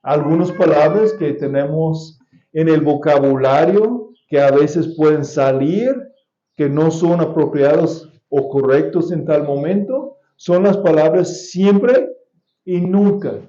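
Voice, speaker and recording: A pastor from the United States preaches in a church sanctuary, his high-ish, mellow voice moving slowly and carefully. He repeats key phrases and restarts now and then, and the sermon's echoey church recording is rather dull.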